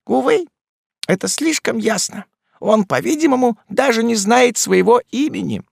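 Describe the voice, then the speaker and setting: A man reading an audiobook, putting on the voice of a superstitious fisherman's wife who is shrill and alarmed. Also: lively intonation, moderate pace, vocal fry, no echo, studio quality, heavily acted. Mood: horrified pity. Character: frightened superstitious old woman, fisherman's wife.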